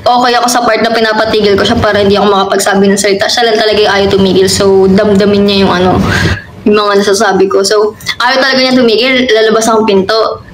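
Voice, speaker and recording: A woman's voice: medium pitch, steady tone, quick pace. A woman telling a story in casual chat, laughing often and swearing freely. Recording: echoey room with loud background noise.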